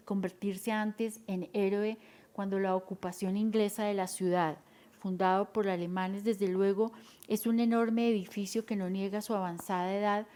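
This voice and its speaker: A woman's voice: medium pitch, dark tone. A woman reading a literary memoir aloud as an audiobook narrator.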